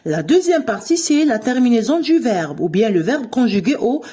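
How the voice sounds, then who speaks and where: A woman French teacher gives a grammar lesson, dictating slowly and spelling out verb endings letter by letter. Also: a little high, big pitch swings, dark tone. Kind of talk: slow classroom-style grammar lesson.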